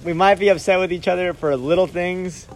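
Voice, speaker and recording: A man's voice: high-pitched, fairly even intonation, brisk, rough recording. A young man hosting a casual podcast chat, rambling and hedging as he asks his guest questions. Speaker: podcast host.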